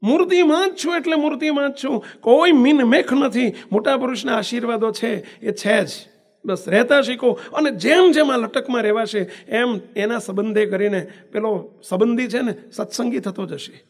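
A man's voice: very high voice, normal speed. A monk giving a devotional discourse, often asking his listeners questions and using everyday examples. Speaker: monk preacher.

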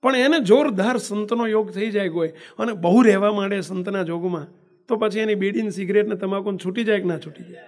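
A man's voice: high-pitched, brisk. A monk giving a devotional discourse, often asking his listeners questions and using everyday examples. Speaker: monk preacher.

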